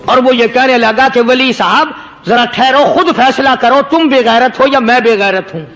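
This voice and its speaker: A man's voice: very high-pitched, a bit bright. A man voicing a loyal male talking dog who lectures a holy man, pleading with oaths, inside a storytelling sermon. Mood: reproachful.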